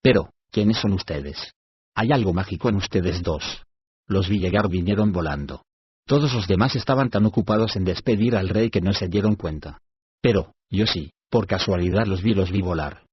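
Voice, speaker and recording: A man's voice: low-pitched, moderate pace, slightly rough, no echo, muffled recording. Glimfeather, a man voicing a fussy sleepy owl. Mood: puzzled. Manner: hooting, muddled, frets it is too early. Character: fussy sleepy old male owl courtier.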